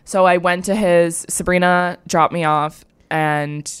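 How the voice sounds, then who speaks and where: A woman's voice: on the low side, steady tone, measured pace, clean tone, dry recording. A woman in her twenties, a podcast co-host, telling a candid, rambling personal story in casual chat with lots of "like".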